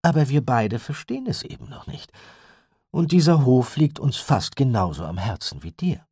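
A man voicing a calm, firm mother who speaks quietly but with a hard edge, soothing yet steady. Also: mid-range voice, moderate pace, breathy edge, no echo, pitched above the performer's own voice.

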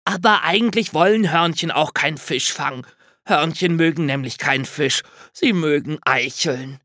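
A man voicing a curious, eager little male squirrel in a children's storybook reading, with excitable, questioning speech. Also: high-pitched, measured pace, no room sound, clean studio sound, pitched above the performer's own voice, heavily acted.

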